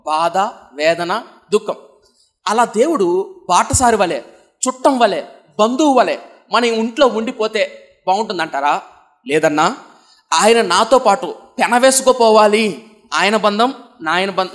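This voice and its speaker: Delivering a sermon, this young adult from Andhra Pradesh, India, moves back and forth between booming, emphatic lines and quiet, low stretches, posing rhetorical questions to the congregation.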